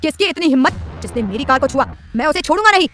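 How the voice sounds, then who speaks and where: A stern, short-tempered young man gives commands, played by a woman storyteller. The voice stays fairly high and the lines come quickly. The story has faint music behind it. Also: steady tone, darkish tone, lightly acted. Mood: angry.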